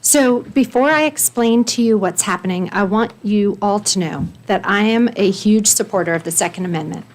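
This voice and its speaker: A woman's voice: mid-range voice, normal speed, hardly any pauses. A woman reading her own prepared statement at a county board meeting, earnest and pleading, stressing her points in lists. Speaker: resident speaking at public comment.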